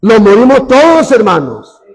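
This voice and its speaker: A male pastor preaching a fervent sermon, drawing his words out slowly, calling his listeners brother again and again and breaking into shouts. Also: very high voice, wildly swooping pitch, breathy edge. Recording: long hall reverb.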